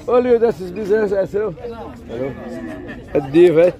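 Amid crowd chatter and livestock at an outdoor cattle fair, a man with a Northeastern Brazilian accent wanders the crowded pens asking sellers for prices. His voice is high and animated at a normal speed as he gives casual, on-the-spot commentary for his vlog.

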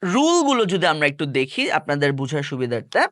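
Man teaching with lively, animated pitch. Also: fast, dry recording, studio quality. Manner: explains step by step, asking the viewer rhetorical check questions. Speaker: English teacher. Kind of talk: online lesson.

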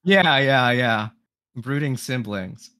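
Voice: medium pitch, animated, slow, bright, forceful tone, clear, resonant tone, no room sound, studio quality. Upbeat streamer reading chat aloud.

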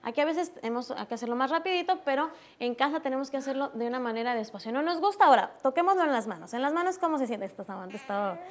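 Woman, Mexican accent, high voice; instructor demoing on a TV morning show, patient and gentle. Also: expressive. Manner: explains slowly, softens words for babies. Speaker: early stimulation instructor.

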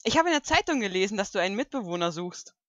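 A woman's voice: mid-range voice, big pitch swings, fast, dry recording, studio quality, lightly acted. A woman voicing a pushy, snippy young female alicorn pony in a fan audio drama, talking bluntly and teasingly. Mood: cheeky, snippy. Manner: blunt and cheeky, teasing and mocking.

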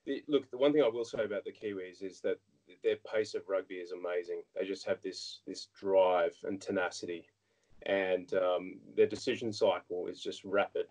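Australian man, low voice, casual interview, frank, restarts. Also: fairly even intonation, moderate pace, darkish tone, poor audio. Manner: frank, anecdotal, frequent restarts. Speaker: guest politician.

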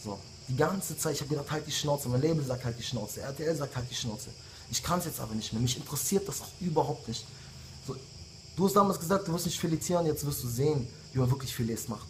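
A rapper in his late twenties fires off an angry diss video straight at his rivals, his fairly high, animated voice moving at a quick pace. It's a heated, insulting rant full of repeated jabs, with slight background noise behind him.

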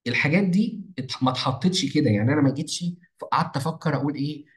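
Fast-talking Egyptian man explaining planning. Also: fairly high pitch, animated. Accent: Egyptian Arabic. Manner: rapid, repetitive, with many false starts and stretched fillers. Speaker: marketing mentor. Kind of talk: casual screen-share tutorial.

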